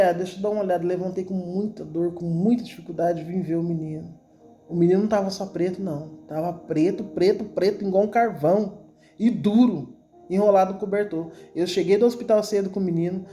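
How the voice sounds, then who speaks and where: A woman's voice: fairly low pitch, mellow. A woman with a Brazilian Portuguese accent gives a religious testimony to her congregation. She repeats words often as she tells her story with feeling. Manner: emotional, repetitive storytelling addressed to the congregation. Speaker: church member giving a testimony.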